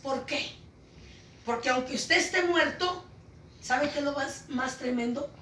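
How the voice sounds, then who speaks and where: Woman preacher, Pentecostal testimony, shouts then hushes; recorded far off in a roomy space. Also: high-pitched, unhurried, a little hiss or hum. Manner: impassioned, swings between shouting and hushed. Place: church home meeting. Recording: echoey room, voice from far off.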